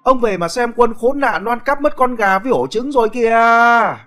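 Screechy angry village wife, shrieking curses, voice jumping way up high. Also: female voice, expressive, moderate pace, a bit bright, faint music behind. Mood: screeching abuse. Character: shrill foul-mouthed village wife, furious.

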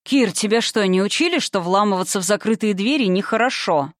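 A woman's voice: mid-range voice, expressive, brisk, no echo, lightly acted. Woman voices a teasing youthful shadow creature, audiobook, dry. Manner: teasing, playful. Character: mocking young male shapeshifting darkness creature.

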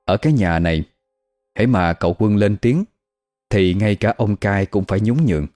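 A man narrates a scripted horror tale at a steady, measured pace. His voice is very deep and dark, and soft music plays faintly underneath. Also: no room sound. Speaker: storyteller.

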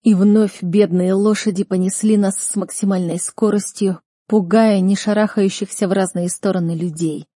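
A woman reading a first-person fantasy audiobook in a tense, measured manner. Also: mid-range voice, fairly even intonation, warm tone, no echo, clean studio sound. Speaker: audiobook reader.

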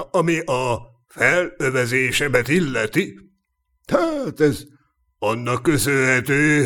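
A man voicing a cynical, sharp-tongued knight of peasant birth in a humorous fantasy audiobook, chuckling and mocking as he tells his tales. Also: fairly high pitch. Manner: mocking, chuckling, earthy storyteller. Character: cynical boastful human knight, commoner-born, sharp-tongued. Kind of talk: audiobook character reading.

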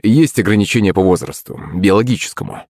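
A man's voice: on the low side, fast talker, a little mellow, no room sound, clean studio sound, lightly acted. A man voicing an awkward, mumbling father in an audiobook. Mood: sheepish. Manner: mumbling, tense.

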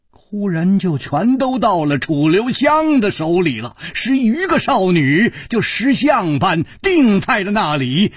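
Storyteller guy, slow dramatic telling, husky. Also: sits high, dry recording, studio quality. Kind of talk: traditional storytelling.

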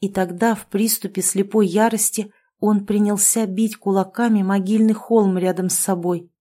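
Brief: a female audiobook narrator, with a mellow, dark tone and a steady reading pace. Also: medium pitch, normal speed. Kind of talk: audiobook reading of a horror story.

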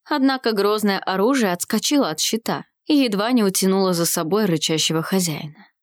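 A woman reading a fantasy audiobook with steady, expressive narration. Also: medium pitch, fairly quick, no room sound, studio quality.

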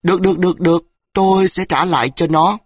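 A man doing a greedy older man, stammering, breaking voice, husky. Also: high-pitched, fairly even intonation, fast talker, no echo, studio quality, pitched above the performer's own voice. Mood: cowed, stammering.

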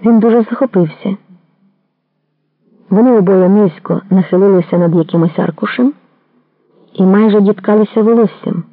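A narrator reading a literary novel aloud in a measured, even storytelling manner. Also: medium pitch, dry recording, phone-quality sound. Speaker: audiobook narrator.

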